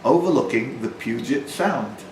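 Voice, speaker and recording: At a tavern quiz night, the host speaks at normal speed in an animated, medium-pitched voice. He reads questions and adds chatty, jokey, teasing asides. The sound is roomy, with faint noise from the live venue.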